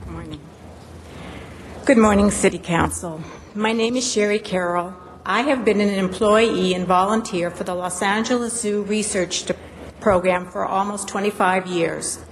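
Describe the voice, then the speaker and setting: A middle-aged woman gives a prepared statement at a public meeting. She sounds earnest and formal, with an average-pitched voice and a little noise behind her. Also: steady tone, normal speed, low-quality recording. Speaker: zoo employee speaking at council meeting. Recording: faint background noise.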